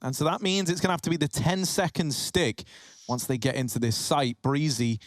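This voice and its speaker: A man working as an esports caster, giving excited play-by-play commentary with an emphatic delivery. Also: on the high side, moderate pace, dry recording. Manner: rising, emphatic delivery at key moments.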